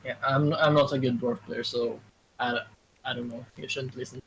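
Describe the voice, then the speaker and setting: A man's voice: mid-range voice, fairly even intonation, moderate pace, a bit bright, husky, poor audio. A man with a Norwegian accent, co-commenting a game recap in hesitant casual chat full of ums. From Norway. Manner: hesitant, many ums, self-deprecating.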